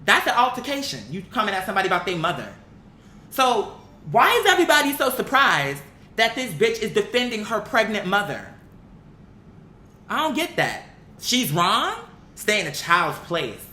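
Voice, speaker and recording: An online commentator with a mid-range, very animated, pushed and bright voice talks at normal speed. She gives blunt, opinionated casual commentary, exasperated and emphatic, swearing freely and arguing with rhetorical questions. The room is echoey with faint background noise.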